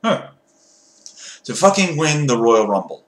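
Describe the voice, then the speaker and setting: A man's voice: medium pitch, very animated, unhurried. A man on a ranting vlog, speaking in an exasperated, emphatic way with profane outbursts. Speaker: wrestling fan giving an opinion rant. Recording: roomy, echoey sound.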